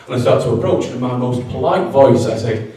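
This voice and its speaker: A man's voice: medium pitch, animated, fairly quick, dark tone, far from the mic. A man with a Yorkshire accent performing a self-mocking comic story live on stage. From Yorkshire, England. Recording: roomy live venue, from afar.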